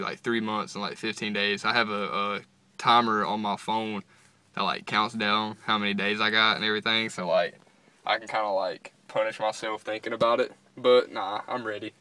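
A man's voice: lowish voice, steady tone, normal speed, bright, forceful tone, smooth, dry recording. A young man chatting casually to camera as a vlogger. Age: young adult. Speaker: vlogger and dip reviewer. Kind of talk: casual chat. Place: inside a parked pickup truck cab.

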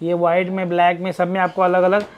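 Male vlog host, Indian accent, high-pitched voice, promotional commentary that urges and affirms. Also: monotone, quick pace, clear, resonant tone, highs cut off. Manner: urging viewers, echoing and affirming the seller. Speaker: video host promoting a shop. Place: small clothing showroom, behind the camera.

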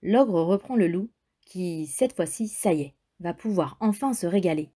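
A woman's voice: on the low side, expressive, normal speed, dark tone, husky. A woman reading a children's story aloud in a playful, chatty way.

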